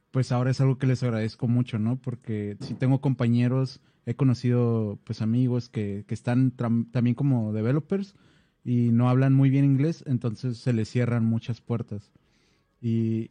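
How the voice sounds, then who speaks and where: A man's voice: medium pitch, mellow, no echo. A man from Baja California with a northern Mexican accent, chatting casually as a podcast co-host. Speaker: podcast co-host, software developer. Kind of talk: casual conversational chat.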